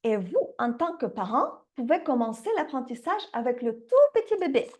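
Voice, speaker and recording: A woman who teaches English to young children, talking straight to parents in a lively online lesson. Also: sits high, moderate pace. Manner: lively, addresses parents directly, laughs now and then. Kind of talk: direct-to-camera online lesson pitch.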